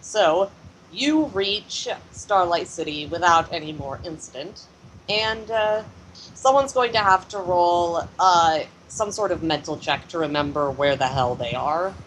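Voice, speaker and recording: A woman's voice: lowish voice, a little slow, slight background noise, low-quality recording. A woman narrating a tabletop game as game master, casual and laughing, with some swearing. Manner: casual, laughing, a bit profane.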